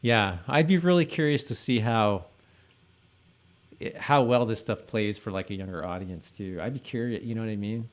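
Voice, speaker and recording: On the lower side in pitch and moderate in pace, a man co-hosting a podcast chats about a TV episode. His manner is relaxed and conversational, though somewhat hesitant.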